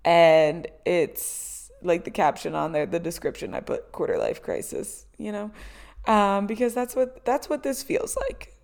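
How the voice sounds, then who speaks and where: A young woman in her twenties, hosting a relaxed solo chat. Her fairly low voice has a gravelly fry, and her talk is loose and chatty, full of "um" and "like". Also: measured pace. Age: 20s. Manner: chatty, lots of "um" and "like", laughs often. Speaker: podcast host.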